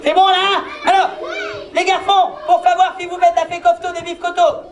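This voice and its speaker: A woman performing as a clown for children, playfully bossing her volunteer helpers and breaking into comic yelps and shouts. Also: extremely high pitch, level tone, normal speed, a faint crowd. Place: large indoor hall with a live audience. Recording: live hall recording with loud audience noise.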